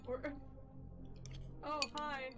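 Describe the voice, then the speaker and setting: A woman's voice: high voice, flat delivery, very slow, music in the background. A young woman chatting casually as she plays a game along with friends. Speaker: gamer playing along. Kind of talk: casual chat while gaming.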